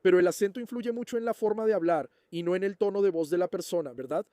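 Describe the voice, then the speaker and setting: A man's voice: high voice, quick pace, dark tone, dry recording, faint music behind. A man hosting a fan channel, casually answering viewer questions and checking in with the listener as he explains. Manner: chatty, keeps checking in with the listener.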